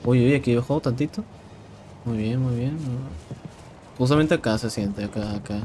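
A young man with a Mexican accent giving casual, excitable commentary while playing a shooter game, swearing and repeating words. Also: mid-range voice, moderate pace. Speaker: gameplay streamer. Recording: game sounds and noise in background.

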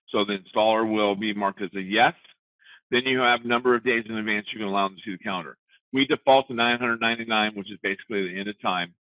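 A man giving a casual, step-by-step software walkthrough in a webinar. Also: lowish voice, no echo, narrow, tinny audio. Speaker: software trainer.

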